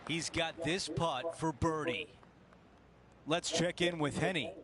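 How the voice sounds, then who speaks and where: A man giving polished, measured play-by-play as a lead golf commentator. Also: on the high side, crowd noise. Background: background music.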